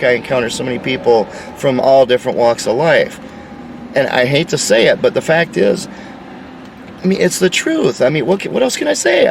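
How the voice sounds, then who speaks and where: A man's voice: a little high, gravelly, slight background noise. Lecturing man, distant outdoor mic. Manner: lecturing, insistent. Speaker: commentator. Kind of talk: opinion monologue.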